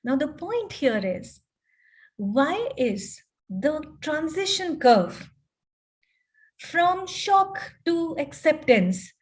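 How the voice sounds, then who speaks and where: Woman counselor, high-pitched voice, explanatory, keeps asking "right?" to check in. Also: very animated, very slow. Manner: explanatory, frequent tag questions. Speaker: life coach and counselor. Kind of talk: online panel talk.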